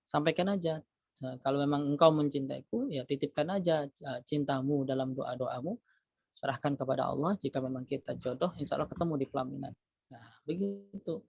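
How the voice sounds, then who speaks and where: A man's voice: fairly high pitch, vocal fry, no room sound. A middle-aged man, a lecturer, giving a religious motivational talk to students over a video call, emphatic and preachy, with many rhetorical questions. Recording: dull lo-fi video call audio, dry.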